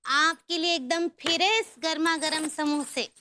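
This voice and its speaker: An actress in a TV sitcom voicing a naive young housewife who speaks slowly and innocently. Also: female voice, very high-pitched, steady tone, noisy background. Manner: slow, sing-song, innocent.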